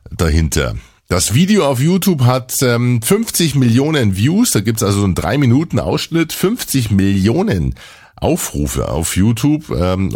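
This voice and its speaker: A man hosting a podcast in a casual, chatty way, his voice a little hoarse and lowered. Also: a little mellow. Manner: chatty, loose, with frequent fillers. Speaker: podcast host.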